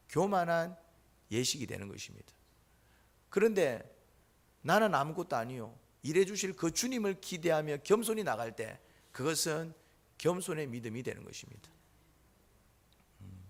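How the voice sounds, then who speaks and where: Lively, gravelly male pastor preaching. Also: a little high. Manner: rhetorical questions answered himself, acts out quoted voices. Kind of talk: Sunday sermon.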